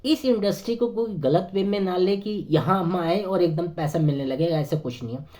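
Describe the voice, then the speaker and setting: Speaking to camera with earnest persuasion, a network marketing consultant delivers a motivational talk despite a sore throat that leaves him hoarse. He has a high, dark-toned voice, keeps a normal pace, and fills his speech with hesitant fillers.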